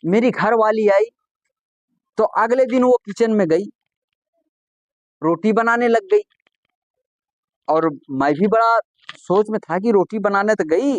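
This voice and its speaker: A man's voice: high-pitched, slow pace, pauses often, no room sound, muffled recording. A man performing stand-up comedy, telling folksy jokes conversationally and acting out the dialogue in them.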